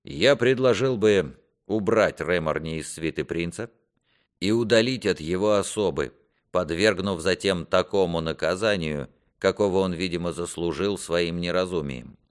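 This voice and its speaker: A man voicing an ambitious, scheming duke who speaks in measured, courtly phrases. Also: low-pitched, close to an everyday voice. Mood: calculating. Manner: measured, smooth courtly speech. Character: scheming ambitious middle-aged male duke.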